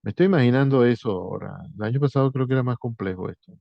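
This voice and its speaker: Male teacher, gravelly voice, muffled sound, pauses and restarts often. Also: mid-range voice, no room sound. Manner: thinking aloud, with many pauses and restarts. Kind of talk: explaining a writing exercise to students.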